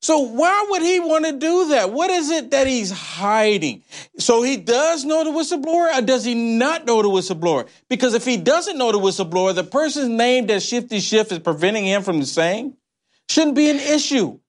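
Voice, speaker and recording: A man's voice: very high-pitched, big pitch swings, normal speed. A man hosting opinionated, conspiracy-minded political talk radio, incredulous and piling up rhetorical questions. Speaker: talk show host.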